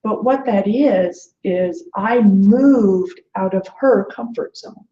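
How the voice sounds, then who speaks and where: In muffled, echoey webinar audio, a woman in her late forties speaks as a guest in a conversational, motivational coaching style. Her mid-range voice is mellow and unhurried, and she earnestly backs up her points with quoted remarks.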